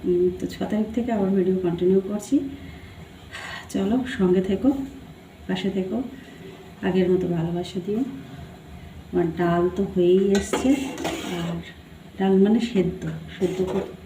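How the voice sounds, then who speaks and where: A woman chatting casually and softly to her viewers while she cooks in her home kitchen, recorded on a phone camera. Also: on the low side, fairly even intonation, normal speed, long pauses, echoey room, a little hiss or hum, rough recording. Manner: talks softly, chatty and homely. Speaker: family vlogger. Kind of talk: casual vlog chat while cooking.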